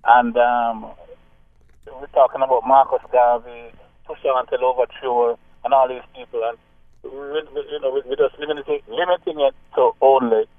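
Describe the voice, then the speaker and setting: A man calling a radio show, speaking in a measured, hesitant way. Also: mid-range voice, steady tone, no room sound. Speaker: radio caller. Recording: tinny phone line.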